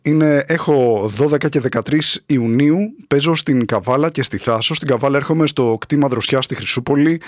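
A male comedian giving a satirical monologue, sarcastic and animated in the jokes and chatty and relaxed when he turns to show announcements. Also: medium pitch, dry recording, studio quality.

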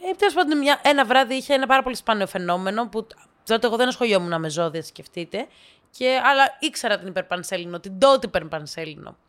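A female storyteller tells funny anecdotes to listeners in a relaxed, chatty, lively way. She acts out dialogue with sudden, sharp jumps up in pitch, dropping into quiet, low asides in between.

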